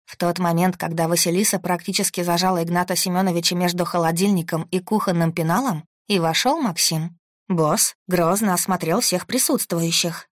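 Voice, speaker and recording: A woman reading a first-person story aloud in an even, steady manner. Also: lowish voice, moderate pace, no echo, clean studio sound. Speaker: audiobook narrator. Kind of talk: scripted first-person narration.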